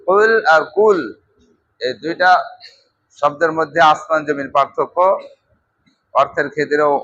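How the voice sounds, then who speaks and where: A man teaching a Quran class, slowly drilling students on pronunciation with questions they answer back. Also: fairly high pitch, sharp tone. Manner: slow, drilling pronunciation with call-and-response questions. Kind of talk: classroom recitation lesson. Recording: dull lo-fi class recording with crowd noise.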